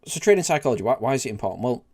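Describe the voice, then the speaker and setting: A middle-aged man with an old Yorkshire accent hosts a trading tips video series, talking informally to camera in a very animated, racing delivery. His medium-pitched voice is a little mellow, and he's blunt and plain-spoken, often tagging lines with "right?" and "okay?"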